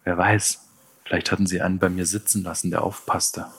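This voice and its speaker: A man with a fairly low voice reads a first-person audiobook. His delivery is measured and tense, in steady scripted narration. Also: breathy edge.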